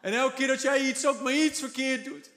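A man preaching a sermon with fervent emphasis, moving between quiet remarks and stretched, emphatic words. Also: very high voice, normal speed. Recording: long hall reverb.

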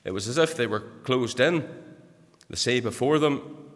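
An older man with a Northern Irish accent preaches an earnest sermon in a church, his mid-range voice measured in pace as he rises to emphatic exhortation. The recording carries church hall reverb.

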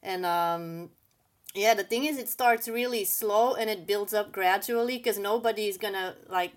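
A woman's voice: mid-range voice, normal speed. A woman, an English speaker telling her own story candidly and casually as an interview guest. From Belgium. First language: not English. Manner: candid, casual, many "like" fillers. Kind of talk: personal storytelling.

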